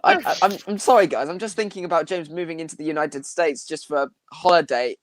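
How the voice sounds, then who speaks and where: A man's voice: a little high, quick pace, no room sound. A man on a discussion panel, bantering with the host and laughing along.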